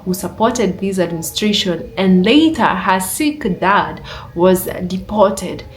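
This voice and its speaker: A woman's voice: mid-range voice, animated, slow. A woman giving reaction commentary in an earnest, indignant way, building her argument point by point.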